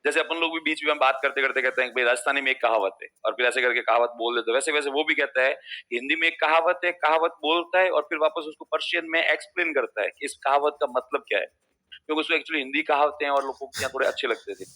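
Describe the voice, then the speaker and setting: A man gives a classroom lecture in a bright, forward voice. He talks in a loose, chatty way, drifts into personal stories and acts out regional speech. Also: medium pitch, steady tone, fast talker. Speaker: teacher.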